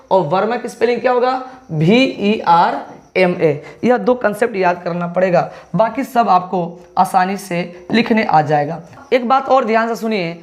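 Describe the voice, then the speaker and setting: A male teacher giving an online exam-prep lesson, spelling words letter by letter and answering his own questions. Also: sits high. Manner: asks questions then answers them himself.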